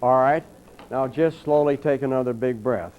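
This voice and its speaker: An older man teaching a college clinic, telling folksy stories and calmly guiding a group through a breathing exercise. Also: medium pitch, moderate pace, slight background noise. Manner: folksy, anecdotal, calm coaching. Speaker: trumpet teacher giving a clinic. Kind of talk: storytelling and leading a breathing exercise. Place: college clinic room with an audience. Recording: dull lo-fi archival recording.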